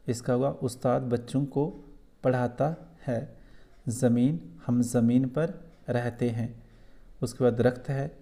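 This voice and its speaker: A man with a Kashmiri accent takes young students through a school lesson. He explains patiently and says things twice. His voice is warm and mellow at a middle pitch. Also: creaky. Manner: patient, repeats points slowly for children. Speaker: teacher.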